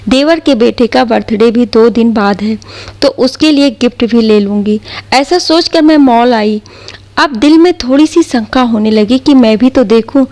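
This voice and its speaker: A woman narrating a first-person family story in a steady reading voice. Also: a little high.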